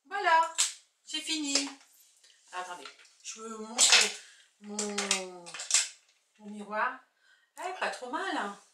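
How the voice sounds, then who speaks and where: A woman's voice: on the high side, very animated, slow, long pauses, heavy background noise. A woman chatting casually through a makeup tutorial, thinking aloud as she shows each product. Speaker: makeup vlogger. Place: indoors at home, husband filming. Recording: echoey room from far off.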